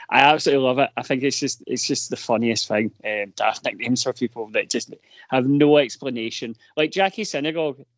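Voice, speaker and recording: On a football fan podcast, a male panelist with a medium-pitched voice tells rambling, self-mocking stories in casual chat. The audio is dry, dull lo-fi podcast sound with no room echo.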